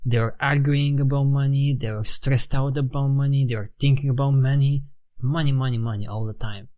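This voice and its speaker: A Romanian man in his thirties with a Romanian accent is a guest in a casual interview, talking thoughtfully, often restarting phrases and saying "you know" and "like". His mid-range voice is mellow and fairly quick, with fairly even intonation.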